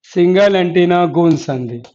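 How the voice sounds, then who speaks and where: Slightly slow and mellow, this man's high voice carries an exam-prep lecture with board examples. He asks the class questions, answers them himself and keeps repeating key terms, all in a dull lo-fi classroom recording.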